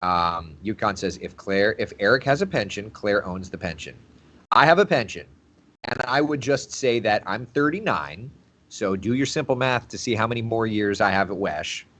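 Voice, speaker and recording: A man in his thirties who works as a TV meteorologist hosts a relaxed livestream, chatting, reading viewer comments, laughing easily and repeating himself. His lowish voice is expressive and a bit bright, at a normal speed.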